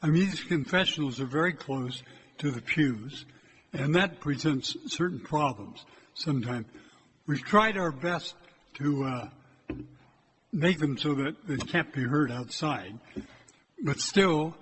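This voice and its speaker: Speaking slowly and pausing often, an older priest delivers a church exhortation to his parish in a loud, direct, slightly high male voice. He talks plainly and struggles to keep his voice down, heard from a distance in an echoey church with a faint hiss beneath.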